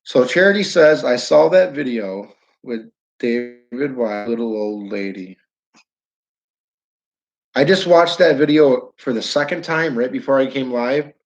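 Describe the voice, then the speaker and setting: This livestream host has a northern New York accent and talks from his downtown building, rambling, starting sentences over, and calling viewers by name. He speaks at a measured pace with medium pitch and lively intonation, and the audio is dull.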